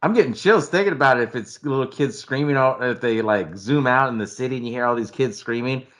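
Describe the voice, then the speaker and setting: A man co-hosting a podcast, chatting excitably about a film, laughing often and humming tunes. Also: medium pitch, fast. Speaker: podcast co-host. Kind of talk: casual movie chat.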